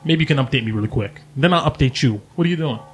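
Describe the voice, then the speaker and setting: A man's voice: mid-range voice, lively intonation, slightly rough. A man voicing a gaunt, jokey human gang leader with a chummy, teasing manner in a tabletop game. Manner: chummy, teasing, quick to laugh.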